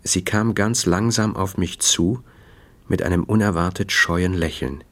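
A man reading a first-person audiobook in a dry, measured, matter-of-fact way. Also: deep voice, a bit bright. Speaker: narrator.

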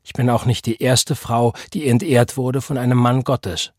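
A man's voice: mid-range voice, steady tone, normal speed, no echo, clean studio sound, close to an everyday voice. A man reading the part of a bitter, defiant young pregnant woman who speaks in a cold, taunting, accusing way.

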